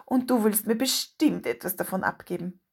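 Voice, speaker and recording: A woman's voice: medium pitch, moderate pace, creaky, husky. A woman voicing a pushy, threatening boy bully in a read-aloud story. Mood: menacing.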